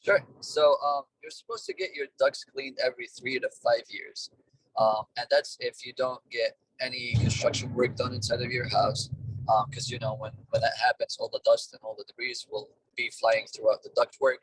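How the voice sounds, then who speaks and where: A man talking over a car speakerphone while driving, a business owner giving plain, halting explanations in a casual interview. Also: mid-range voice, steady tone, fairly bright tone. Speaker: duct cleaning business owner, guest. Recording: distant car speakerphone call.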